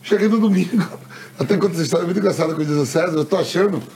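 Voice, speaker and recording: A man, a former athlete and radio commentator, telling laughing stories in casual podcast chat. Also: a little high. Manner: fast, laughing storyteller. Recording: roomy, off-mic with crowd noise.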